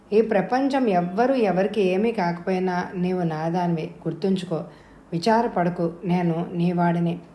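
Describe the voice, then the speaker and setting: An anguished young man pours out earnest, impassioned pleas to his beloved, as a woman reading an audio novel voices him. The tone is mellow and soft-edged, and the recording rings with a roomy echo. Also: mid-range voice, natural voice.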